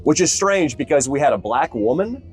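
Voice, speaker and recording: A man, a stand-up comedian, chatting casually while fishing outdoors, with a deadpan, sarcastic delivery. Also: a little high, normal speed, faint music behind. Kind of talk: casual chat.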